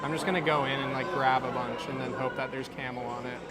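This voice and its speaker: A man's voice: medium pitch, flat delivery, quick pace, over a noisy crowd. A man giving a casual, informal food review in the manner of a vlogger, thinking his opinions through aloud. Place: outdoors at a theme park. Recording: outdoor vlog with clear music behind. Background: music and outdoor park sounds.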